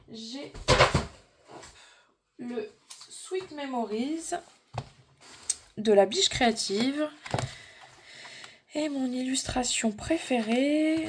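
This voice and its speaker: A woman's voice: a little high, a little hiss or hum. Chatty, hesitant French-speaking woman vlogger. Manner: chatty, hesitant with many fillers and restarts. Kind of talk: casual chat showing coloring books.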